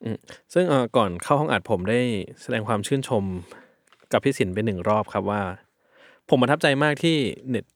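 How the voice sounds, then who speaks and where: Quick-speaking male podcast host. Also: mid-range voice, animated, no room sound, clean studio sound. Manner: quick and friendly, many short listening sounds and laughs. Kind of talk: casual film podcast interview.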